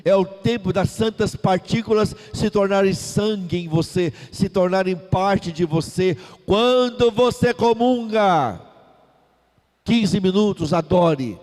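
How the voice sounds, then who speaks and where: Brazilian guy preaching a sermon, high-pitched, keeps calling for the crowd to repeat, long echo like a big hall. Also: slow, a little mellow. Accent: Brazilian Portuguese. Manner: emphatic, repetitive call-and-response preaching.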